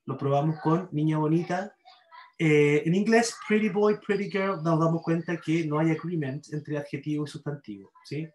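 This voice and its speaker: A man's voice: on the high side, normal speed, darkish tone, slight background noise. Chilean man teaching grammar in an echoey room. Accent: Chilean Spanish. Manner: explanatory, repeats examples, checks with students. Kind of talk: online class lecture.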